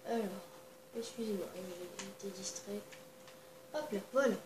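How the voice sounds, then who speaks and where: A woman, quietly talking through a video game in a rambling casual way, full of hesitations. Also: medium pitch, a little slow, noisy background. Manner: talks quietly, holding her voice down at night. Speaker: gaming channel host. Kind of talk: casual let's-play commentary. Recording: echoey room, distant mic, game music behind.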